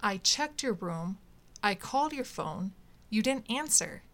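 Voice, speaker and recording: A woman's voice: medium pitch, expressive, measured pace. A woman voicing an agitated, stern man who keeps demanding answers in a read-aloud story. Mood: upset, demanding. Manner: demanding, upset questioning.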